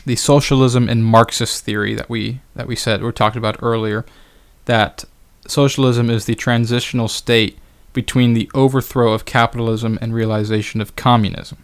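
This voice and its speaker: Guy doing his own podcast, chatty, lots of ums, sarcastic little asides, ordinary middle pitch. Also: little pitch movement, moderate pace, clean tone. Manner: conversational, many fillers, wry sarcastic asides. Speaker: podcast host. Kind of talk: casual solo podcast monologue.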